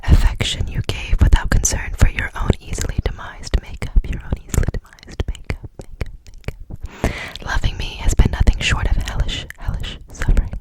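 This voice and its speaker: A woman whispering close to the mic in an ASMR poetry reading, softly repeating words as triggers. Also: fairly quick, rough recording. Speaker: ASMR creator.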